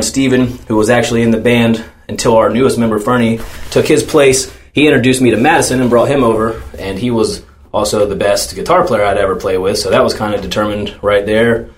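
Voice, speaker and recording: A man from North Carolina who fronts a metal band, telling stories in a relaxed, joking way during a casual interview. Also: on the low side. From Charlotte, North Carolina. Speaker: band singer and guitarist.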